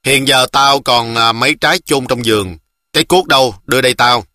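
Guy reading as a young deserter son, earnest, bright crisp voice, dry sound. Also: mid-range voice, brisk, no room sound, lightly acted. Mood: boastful. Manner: earnest, pleading with his mother. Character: young male army deserter, tender son.

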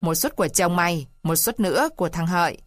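A woman's voice: on the low side, brisk, no echo, clean studio sound, close to an everyday voice. A woman voicing a harsh male village chief who snaps and threatens, in a storybook reading. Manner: snapping, threatening.

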